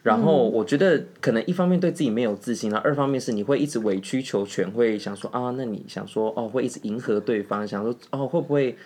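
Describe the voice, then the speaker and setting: A podcast co-host, chatting casually and musing out loud. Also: mid-range voice, fast, hardly any pauses, breathy edge. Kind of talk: casual chat.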